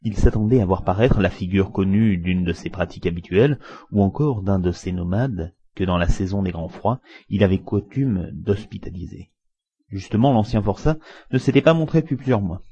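A man narrating a story aloud in a measured, expressive reading. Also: sits low. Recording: muffled lo-fi recording.

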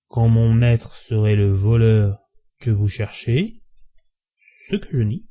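A man's voice: medium pitch, slightly rough. A man reading aloud and voicing an agitated, slightly drunk young male servant who exclaims and protests. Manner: exclaiming, indignant, pleading. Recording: dull lo-fi recording.

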